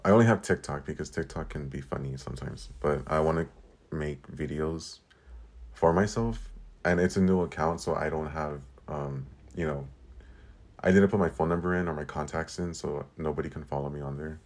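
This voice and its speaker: A twenty-year-old man from Southern California hosts a casual solo podcast in an extremely low voice at normal speed. He rambles on his own, packing his talk with "like," other fillers, and frequent swearing.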